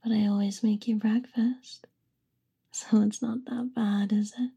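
Slow breathy whispering woman. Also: mid-range voice, little pitch movement. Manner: soft intimate whisper, affectionate and soothing. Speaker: ASMR performer. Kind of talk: whispered ASMR roleplay.

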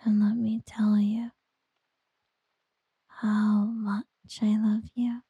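A woman doing a whispered ASMR girlfriend roleplay, soft, teasing and doting. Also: mid-range voice, flat delivery, extremely slow, husky, dry recording, lo-fi sound.

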